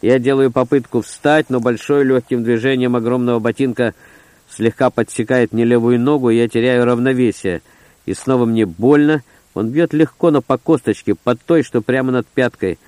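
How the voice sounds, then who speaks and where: A man's voice: mid-range voice, normal speed, a little mellow, dry recording. A man reading a first-person story aloud in short, terse, gritty phrases. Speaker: audiobook narrator. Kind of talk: first-person audiobook narration.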